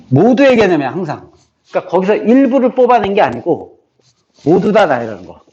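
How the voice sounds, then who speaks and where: A man's voice: a little high, a little mellow. A man teaching a math lesson, who repeats key phrases for memorizing and checks in with his students again and again. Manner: checks in with listeners, often tacking on a questioning "eo?". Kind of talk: classroom lecture on combinatorics. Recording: slightly dull, faintly noisy lecture recording.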